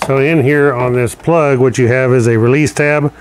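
A man with a mid-range, steady voice gives a casual, practical how-to walkthrough at a moderate pace while working with his hands indoors in a garage. He is an installer demonstrating a product, recorded on a camera mic with a little hiss or hum.

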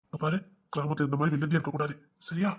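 A man playing a caring, protective young man who speaks gently and reassuringly. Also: fairly high pitch, flat delivery, very fast, husky.

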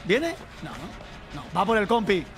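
A young man from streaming a game, chatting to viewers and shouting and swearing at the action. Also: sits high, very animated, unhurried, faint music behind. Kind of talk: live gameplay commentary.

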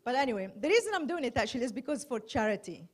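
A woman's voice: a little high, big pitch swings, very fast. A woman doing her first stand-up set on a hall stage, chatty and self-mocking, teasing the crowd. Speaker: comedy contestant. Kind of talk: stand-up comedy.

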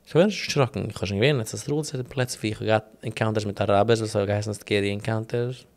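A man's voice: on the low side, quick pace, darkish tone. A young man chatting as an interview guest, rambling through his stories with many restarts and English phrases mixed in. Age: young adult. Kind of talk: casual interview chat.

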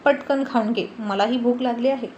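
A woman's voice: fairly high pitch, moderate pace, darkish tone, highs cut off, slight background noise, natural voice. A woman voicing a teasing, protective young man who also turns possessive. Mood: teasing, caring. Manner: playful teasing, turning possessive and stern.

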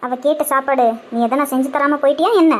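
A fierce old grandmother in a cartoon, as a woman voices her, scolding everyone in a high, sharp-tempered voice. She sounds indignant and commanding. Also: steady tone, fast talker, close to an everyday voice.

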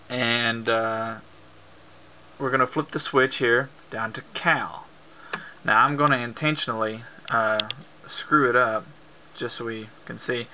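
Step by step and in plain terms, a man who teaches CB radio use as an amateur instructor leads an informal hands-on tutorial. His voice is medium-pitched, bright, and forceful, captured in poor audio on an amateur camera with clicks and faint background noise.

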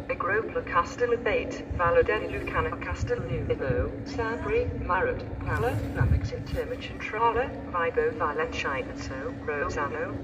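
A woman giving a formal, measured, automated train station announcement over loudspeakers on an outdoor railway platform. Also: fairly low pitch, muffled recording. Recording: distant station PA, loud train noise. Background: trains and station ambience.

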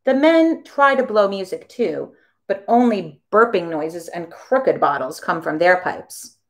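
A woman who teaches a children's music class, reading a storybook aloud in an expressive, animated way. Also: fairly low pitch, unhurried.

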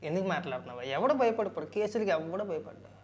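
A man's voice: high voice, animated, fast. A man giving political commentary, arguing back with rhetorical questions.

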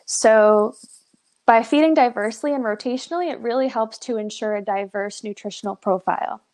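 A young woman with a somewhat high, slightly mellow voice talks fairly quickly while hosting a live pet nutrition webinar on a video call through her webcam. She's upbeat and encouraging, saying "so" and "awesome" a lot.

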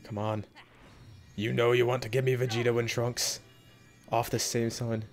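A young man hosting a mobile game summoning video, talking casually to viewers and yelping with excitement between low muttered comments. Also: normal speed, soft background music. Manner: excitable, jumps into high yelps when hyped, muttering between pulls. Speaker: gaming video host. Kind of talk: casual gacha summon reaction.

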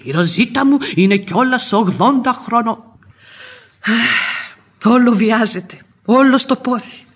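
In a Greek radio theatre performance, a woman with a husky, slightly high voice plays an outspoken old Spanish village housekeeper and former nanny. Grumbling with fond complaint, she's chatty and folksy, answering back with proverbs.

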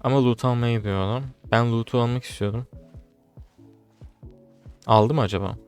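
A young man talks over his gameplay, muttering low one moment and shouting at the screen the next. His voice sits at an ordinary middle pitch. Faint game music plays underneath. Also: fairly even intonation, moderate pace, smooth. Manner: frustrated, swings from muttering to shouting. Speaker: gaming streamer. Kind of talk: live gameplay commentary.

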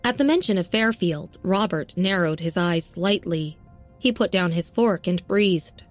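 Low-voiced woman narrating a serial story. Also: animated, measured pace, soft background music. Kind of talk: scripted audiobook narration.

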